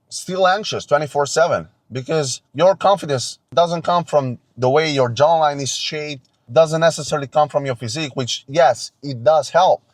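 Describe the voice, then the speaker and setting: A young man with a fairly high voice, a Romanian native speaker, vlogs about self-improvement from a dawn forest after a night without sleep. His unscripted motivational speech is intense, earnest, preachy, and repetitive. The audio is dry and close.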